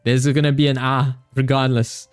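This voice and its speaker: A man's voice: mid-range voice, flat delivery, normal speed, smooth, faint music behind. A man streaming a game, chatting playfully with his chat, teasing and laughing, stumbling as he reads game text aloud. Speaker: VTuber streamer. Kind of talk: casual gaming livestream chat.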